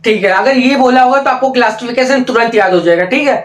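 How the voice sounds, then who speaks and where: A man teaching pharmacy students, drilling terms slowly with constant "okay?" check-ins and call-and-response repetition. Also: extremely high pitch. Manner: slow, drawn-out repetition of terms, frequent "ठीक है?" check-ins. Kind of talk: exam-prep lesson with call-and-response drilling. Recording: echoey room.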